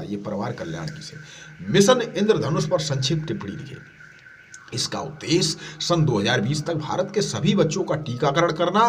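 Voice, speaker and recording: Sitting well back from the microphone, a man runs through exam-prep material: he reads every question aloud, drops to a lower voice for the answer, and explains things patiently.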